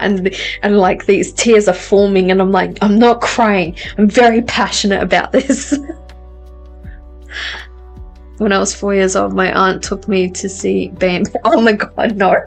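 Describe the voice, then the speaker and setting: A chatty woman hosts a live stream and talks casually with viewers, often laughing at herself as she goes. Her voice sits at an ordinary middle pitch. Faint music plays softly underneath. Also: little pitch movement, normal speed, creaky. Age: adult. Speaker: tarot reader and livestream host. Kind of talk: casual chat reading out viewer comments.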